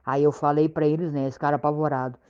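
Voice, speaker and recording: A woman with a Southern Brazilian accent from Rio Grande do Sul recounts a frightening personal experience in casual speech, halting and repetitive, constantly asking "sabe?" to check in with her listener. Her voice sits low with a flat delivery and darkish tone, on a dull lo-fi recording.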